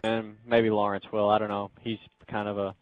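A man's voice: on the low side, completely flat delivery, normal speed. A man chatting casually while gaming, cracking crude sarcastic jokes and ranting with his friends. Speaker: gamer co-host. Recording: dull lo-fi capture.

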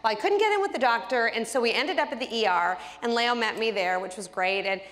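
Higher-voiced woman telling a story with lively expression. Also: fast talker, big-room sound. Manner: animated, expressive storyteller acting out dialogue. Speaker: Bible study teacher. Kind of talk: personal storytelling in a Bible lesson.

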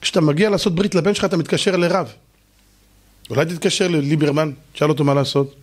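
An Israeli man gives an animated sermon in a fairly high voice. He peppers his listeners with rhetorical questions and teasing jabs. Now and then he breaks into a shout. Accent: Israeli Hebrew. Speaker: rabbi giving a lecture. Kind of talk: lively sermon to an audience.

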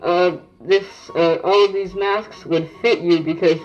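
A collector talks through the gas mask they are wearing, so the voice comes out muffled. They explain things loosely and informally, in a casual show-and-tell way, at an ordinary middle pitch. Faint music plays in the background. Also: steady tone, a little slow.

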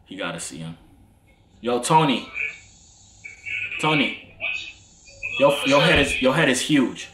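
A man's voice: mid-range voice, very animated, slow pace, pauses often. An American man in his twenties chatting casually and teasingly with strangers in a small indoor room. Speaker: YouTuber host. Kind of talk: casual chat with strangers, asides to viewers. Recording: echoey room, faint noise.

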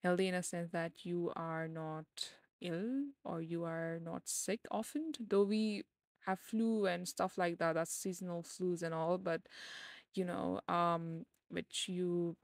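A woman in her twenties hosts a casual solo podcast, her voice fairly low and level in tone, speaking slowly. She rambles with plenty of fillers, growing brighter, louder, and livelier as she continues. The studio-quality recording has no room sound.

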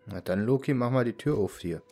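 Relaxed man mumbling game commentary. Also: mid-range voice, brisk, faint music behind. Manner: relaxed, muttering asides to himself. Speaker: let's play host. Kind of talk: casual gameplay commentary.

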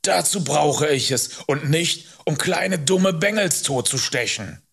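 A man doing a gruff, scornful hunter. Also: fairly high pitch, expressive, slow pace, a bit bright, voice pushed up, full character voice. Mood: angry. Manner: mocking, harsh, insulting. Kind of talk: audiobook character voice.

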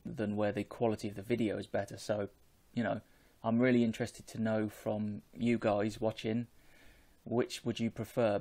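A man, talking in a measured, explanatory way as a vlogger chatting casually on an earphone microphone at home. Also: lowish voice, a little mellow. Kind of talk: casual chat to camera. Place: small home room with bookshelves.

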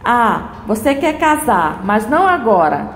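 A proud, furious jilted bride, read out by a woman, in a high voice. The lines come with mild emphasis from an echoey room with a long reverb tail. Faint music plays underneath. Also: sing-song, unhurried. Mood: indignant.

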